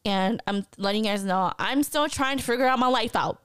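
Brisk and fairly high-pitched, her clean voice comes through at studio quality with no room sound. She's a US podcaster in her thirties, laughing frequently as she chats openly with listeners in a casual personal monologue.

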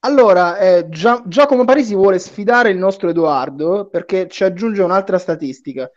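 A man's voice: high-pitched, normal speed, muffled recording. A man hosting a casual live football chat, bantering and often repeating his phrases. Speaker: host of a football talk live stream.

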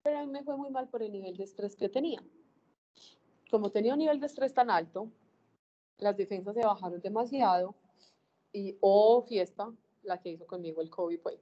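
Woman in her 40s, earnest testimony, mellow tone, dull lo-fi sound. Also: mid-range voice, a little fast. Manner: earnest, emphatic, acts out dialogue. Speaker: speaker giving a faith testimony. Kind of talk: personal faith testimony to a group.

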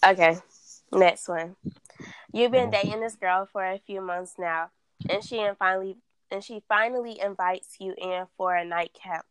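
A woman hosting a casual chat, reading dating scenarios aloud at a slow, deliberate pace and laughing often. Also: medium pitch, a bit bright, smooth, no room sound. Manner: reads questions slowly, laughs often.

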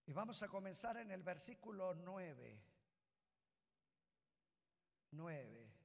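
High, gravelly preacher man in a reverberant hall. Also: big pitch swings, a little slow. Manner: calls listeners "hermano", swings from loud shouts to low asides. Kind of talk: sermon. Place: church hall. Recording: long reverb of a church hall.

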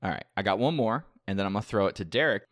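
A man's voice: lowish voice, rapid-fire, no echo, studio quality. A man co-hosting a comedy podcast, reading news stories aloud and laughing through them in casual chat. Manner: animated, laughs while reading out quotes. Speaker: podcast co-host.

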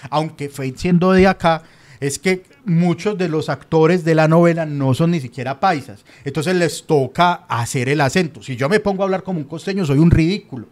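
A man's voice: fairly high pitch, normal speed, darkish tone. A young man with a Colombian paisa accent, co-hosting a casual chat, rambling and opinionated with lots of slang. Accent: Colombian paisa Spanish. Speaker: podcast co-host.

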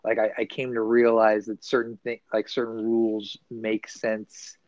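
A man's voice: fairly low pitch, monotone, moderate pace, darkish tone, dry recording. A man co-hosting a casual podcast, rambling and swearing freely, often restarting his sentences. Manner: rambling, profane, loose and self-correcting. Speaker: podcast co-host. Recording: dull, dry recording.

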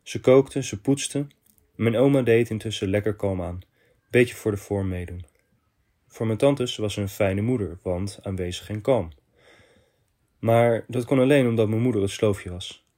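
A man hosting a podcast, reading a listener's confession letter aloud in short, measured phrases. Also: on the low side, mellow.

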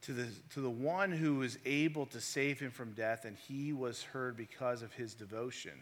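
A man's voice: mid-range voice, moderate pace. A man preaching a conversational sermon, asking his listeners rhetorical questions. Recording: long reverb of a large hall.

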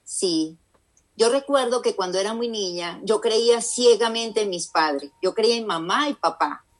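A woman's voice: mid-range voice, measured pace. A woman on a faith radio show, telling a personal story earnestly and with emphasis, acting out the voices of the people she quotes. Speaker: radio guest and author.

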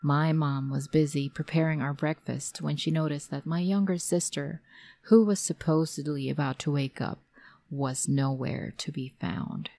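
A middle-aged woman with a Filipino accent, narrating a spooky story in a measured, dramatic way. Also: low-pitched, a little mellow, no echo. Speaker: storyteller host.

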